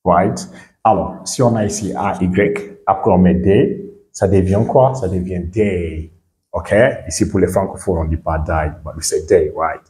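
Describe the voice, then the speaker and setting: Male language teacher, deep mellow voice, bilingual lesson delivery, reverberant room. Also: moderate pace. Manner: switches between English and French, checks in with "right?" and "ok?". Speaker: English teacher. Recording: echoey room.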